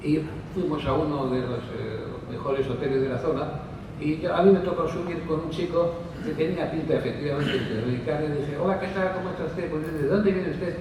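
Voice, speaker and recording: At a conference, a male panel speaker gives a rambling talk packed with fillers and asides to the audience, speaking briskly in a slightly high voice. The mic is distant, the hall echoes with long reverb, and background noise is clearly audible.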